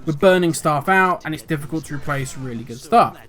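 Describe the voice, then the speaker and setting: An older man hosting a gaming channel grumbles through his opinions in a casual commentary video, rambling, correcting himself and sounding somewhat cynical. His voice is a little high, fairly quick and fairly bright.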